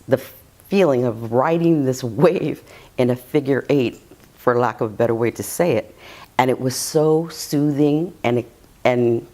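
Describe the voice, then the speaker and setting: A woman's voice: very deep voice, darkish tone. A woman telling an interviewer about her healing session in a casual, rambling way, giggling often and restarting her sentences. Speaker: reiki client giving a testimonial.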